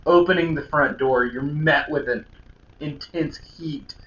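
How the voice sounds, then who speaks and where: A man's voice: a little high, measured pace, a bit bright. A man narrating a tabletop game as game master, describing scenes in a loose way with many fillers. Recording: echoey lo-fi room, faint hum.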